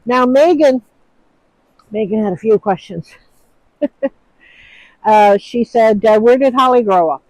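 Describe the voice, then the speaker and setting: A woman's voice: a little high, a little slow, pauses often, a little mellow, no echo, poor audio. A woman with a Newfoundland accent chatting outdoors to a phone, answering viewer questions in a rambling, hesitant way. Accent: Newfoundland English. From Newfoundland, Canada. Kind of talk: casual chat. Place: outdoors, with snow falling.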